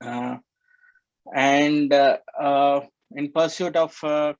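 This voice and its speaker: An Indian man in his forties introduces himself at a club meeting and keeps restarting his sentences with fillers. His delivery stays level and even. The sound is dry and a bit muffled, like an online call. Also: a little high, no echo. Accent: Indian English. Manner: halting, many fillers and restarts. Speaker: club member giving a self-introduction. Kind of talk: virtual club meeting talk.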